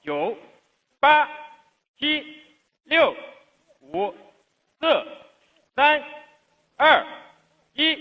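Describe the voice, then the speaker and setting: A man calling out a launch countdown in measured, evenly spaced numbers, heard over a breaking-up radio loop. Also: extremely high pitch, sing-song. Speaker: launch controller. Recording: lo-fi control-loop radio audio.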